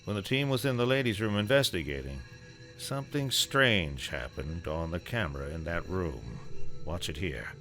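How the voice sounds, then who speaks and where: Deep-voiced man narrating over music. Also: lively intonation, normal speed, a bit bright. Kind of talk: scripted documentary narration.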